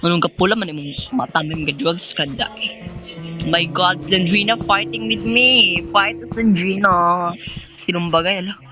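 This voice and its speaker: A man's voice: high voice, normal speed, over music. A man giving campy, sassy commentary on a horror game, breaking into sudden shrieks. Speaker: gaming streamer.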